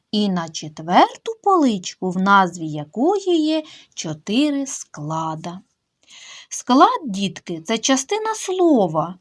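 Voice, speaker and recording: A young woman teaching a kindergarten literacy lesson, addressing small children and splitting words into syllables with slow emphasis. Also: medium pitch, a bit bright. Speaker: preschool teacher.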